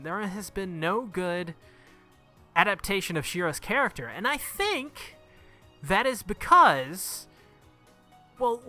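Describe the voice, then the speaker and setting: With game music in the background, a man reads visual novel dialogue aloud for his gaming videos and remarks casually on the game. His voice is high and sharp.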